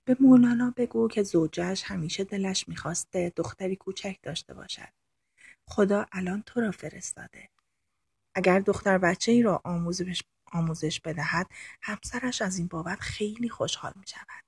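A gentle young woman's spirit coaxes in a hushed voice, as a female narrator reads her. The tone is soft and encouraging. It sits close and dry. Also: mid-range voice, gravelly, breathy edge, no echo. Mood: coaxing. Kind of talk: audiobook narration.

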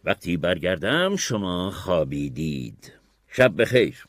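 A calm lawyer father. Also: deep voice, no echo, clean studio sound. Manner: calm, friendly, measured. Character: calm, principled middle-aged lawyer father.

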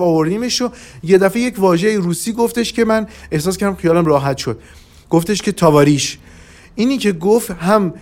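Male podcast storyteller, a touch high-pitched, rambling and hesitant as he recounts a trip. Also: a little mellow. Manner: rambling, with frequent hesitations and restarts. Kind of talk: casual first-person travel storytelling.

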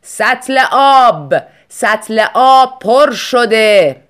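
A woman voicing a worried, weary husband speaking slowly and loudly. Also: fairly high pitch, lively intonation. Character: worried husband with a drink, gentle and tired.

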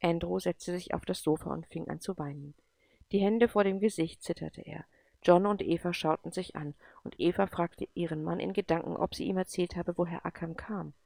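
Brief: woman storybook narrator, low pitch, calm and even. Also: moderate pace, creaky, no room sound. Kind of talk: storybook reading.

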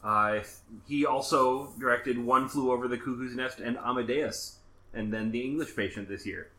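A man from Minnesota hosting a casual podcast, chatty and quick with asides and self-corrections. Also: medium pitch, sharp tone. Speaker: podcast host.

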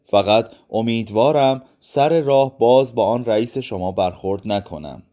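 A man's voice: medium pitch, dark tone, lightly acted. Man doing a timid, trembling old professor. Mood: anxious pleading. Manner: trembling, pleading. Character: timid older male aesthetics professor, nervous.

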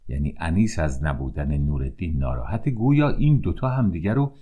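A man retelling old tales in everyday speech with an expressive storyteller's delivery. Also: phone-quality sound. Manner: expressive, shifting pitch for characters.

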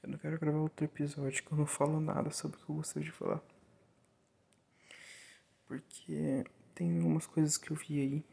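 A young Brazilian man whose hoarse voice is giving out, rambling casually and informally as a solo podcast host. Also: a little high, little pitch movement, fairly quick, long pauses, warm tone. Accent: Brazilian Portuguese. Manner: informal, slangy, digressive.

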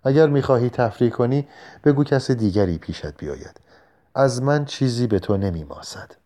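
A man reading the terse, quiet replies of a reluctant young woman. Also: mid-range voice, expressive, lightly acted. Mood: refusing.

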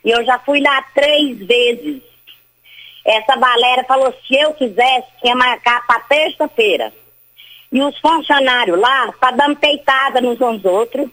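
An older woman phones in to a radio program, her high voice heard through the phone line. She talks in a rambling, insistent way and keeps circling back to the same points. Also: a little slow, pushed and bright. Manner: rambling and insistent, repeats herself. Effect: heard over a phone line. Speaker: caller to a radio show. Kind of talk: call-in complaint.

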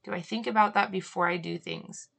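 A young woman hosting a solo podcast, talking earnestly and reflectively, often pausing on "um" and asking "right?", with an occasional cough. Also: medium pitch, steady tone, creaky, fairly bright tone. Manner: earnest, musing, frequent "um" and "right?". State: coughing now and then. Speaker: podcast host.

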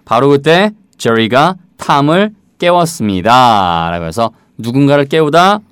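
Man, English teacher, animated delivery, pitch swings wide, dry studio voice. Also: unhurried, smooth, no room sound. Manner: animated, acts out story lines in a high voice. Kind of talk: bilingual English lesson.

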